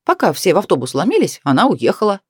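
A woman's voice: lowish voice, huge pitch swings, fast talker, a little mellow, slightly rough, no room sound, studio quality, heavily acted. A woman voicing a young man who explains things in a plain, matter-of-fact way.

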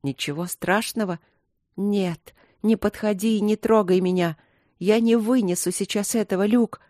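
A woman voicing a young wife who is exhausted and shouting through her tears. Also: lowish voice, animated, normal speed, no room sound, clean studio sound, natural voice. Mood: furious.

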